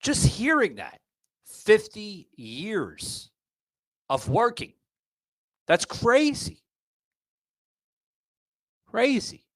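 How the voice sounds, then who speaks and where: A Florida man in his forties hosts a podcast, rambling and repeating himself in a casual rant to his listeners. His voice is high, with huge pitch swings, and he speaks very slowly with long pauses. The recording has no echo.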